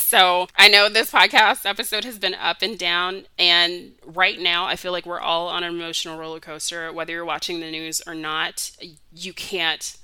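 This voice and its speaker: A woman's voice: lowish voice, pushed and bright, smooth, dry recording. A young adult woman hosting a solo podcast, talking in an earnest, heartfelt way with lots of "like" fillers, her voice close to cracking with emotion. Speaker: podcast host.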